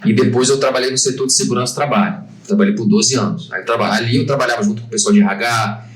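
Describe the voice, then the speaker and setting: A man in his fifties from Brazil answers interview questions as a podcast guest, pausing often and restarting his sentences. His voice sits at an ordinary middle pitch. He is heard from some distance away in a roomy, echoing space. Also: steady tone. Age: 50s. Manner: hesitant, many fillers and restarts. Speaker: guest, franchise owner.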